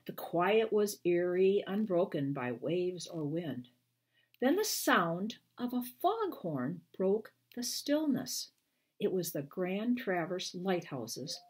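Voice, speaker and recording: A woman of sixty or older, husky and fairly low in pitch, reads aloud from a children's book in the role of its author at storytime. Filmed to camera in her small home living room, she reads deliberately and expressively, offering brief asides to explain.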